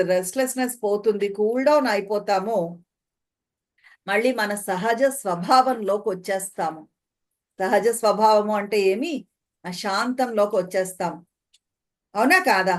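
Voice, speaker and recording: A woman with a Telugu accent giving a spiritual talk, explaining slowly and often asking listeners if they follow. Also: a little high. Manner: slow, explaining, asks listeners questions. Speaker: translator of spiritual commentary.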